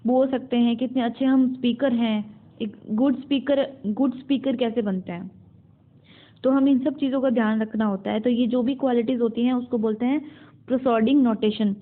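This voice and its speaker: A woman's voice: a little high, fairly even intonation, moderate pace. A woman teacher with an Indian accent explaining a university English syllabus topic, often restating her points and mixing in English terms. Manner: explains in Hindi mixed with English terms, repeating and rephrasing. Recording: phone-like narrow sound.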